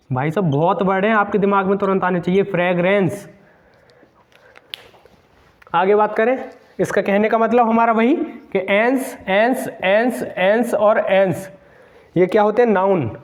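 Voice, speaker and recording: A man's voice: high voice, a little slow, pauses often. A man teaching English grammar for competitive exams, emphatic, repeating words and spelling them out letter by letter. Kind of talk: exam-prep grammar lesson.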